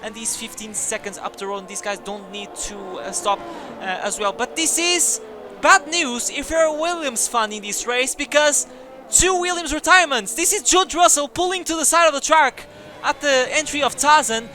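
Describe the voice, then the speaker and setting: Young male gaming commentator, very high pitched, energetic and jokey, shouts at big moments. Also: normal speed, a little hiss or hum. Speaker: gaming YouTuber. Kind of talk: excited racing game commentary.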